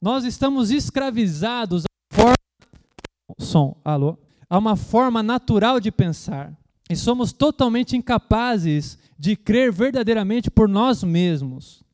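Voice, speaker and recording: A man with a notably high voice preaches a sermon, asking his listeners rhetorical questions again and again and pausing for their amens. At times he mimics loud, shouted prayers before dropping back to a plain teaching tone. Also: lively intonation. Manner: preaching with frequent rhetorical questions and calls of amen; acts out loud shouting prayers as a mock imitation. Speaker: pastor.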